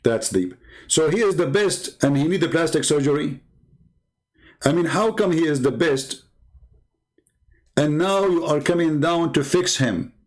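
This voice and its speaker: A man whose first language is Arabic, and who speaks with an Arabic accent, hosts a live stream where he reads religious texts aloud and mocks them with sarcastic, needling commentary. His voice is on the high side and expressive, a little slow, with frequent pauses.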